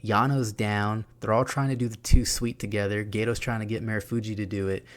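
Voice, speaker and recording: Young dude w a lowish voice, hyped, swearing, laughing thru a wrestling recap. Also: male voice, fairly quick. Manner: excited, profane, laughing often. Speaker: wrestling reviewer. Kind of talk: casual recap of a show.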